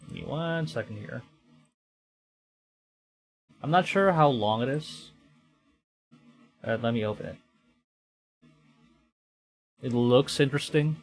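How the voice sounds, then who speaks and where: A man from the Philippines chats casually as a VTuber livestream host, with music behind him. His medium-pitched voice takes things slowly, with long pauses, and he speaks hesitantly, often repeating and rephrasing his words.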